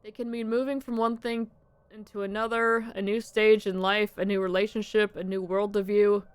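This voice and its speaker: A woman's voice: medium pitch, flat delivery, moderate pace, clear, resonant tone, dry recording, lightly acted. A woman voicing a theatrical female spirit medium and tarot reader in a grand, mystical manner. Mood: reassuring. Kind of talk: voicing game characters on a live stream.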